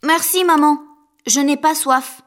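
Timid red-haired little boy voiced by a man, storybook reading, very high, bright. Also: fairly even intonation, unhurried, slight background noise. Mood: polite. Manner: shy, hesitant.

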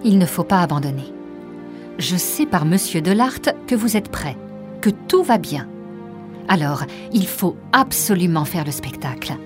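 A woman voicing a calm middle-aged male school principal who speaks steadily and seriously. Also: on the low side, measured pace, music in the background.

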